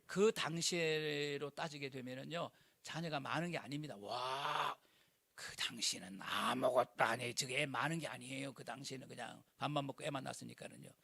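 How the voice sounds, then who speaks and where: A middle-aged male pastor preaching a sermon in an animated, colloquial way, full of rhetorical questions. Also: mid-range voice, brisk, vocal fry, few pauses.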